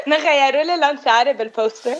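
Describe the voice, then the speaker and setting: A woman's voice: high-pitched, a bit bright. A Lebanese-accented actress chatting as a guest in a casual radio interview, slipping English words into her talk.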